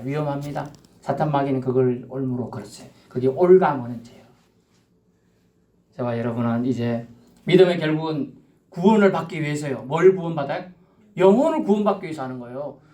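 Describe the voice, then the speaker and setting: A male pastor delivers a Sunday sermon in a chatty, lively manner. His voice sits somewhat high for a man, and he jumps between plain talk and acted-out asides. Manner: conversational, animated, with acted-out asides.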